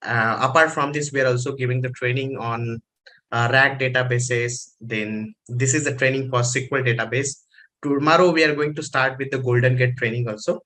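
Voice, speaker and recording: An Indian-accented man presents as host of an online training call. His delivery is informal and halting, circling back over his own phrases, at an average male pitch. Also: steady tone, sharp tone, poor audio.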